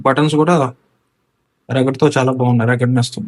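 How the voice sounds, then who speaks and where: Speaking quickly in an even, medium-pitched voice, a man with a Telugu accent walks through unboxing and setting up some gear. His review is informal, and he mixes English tech words into what he says.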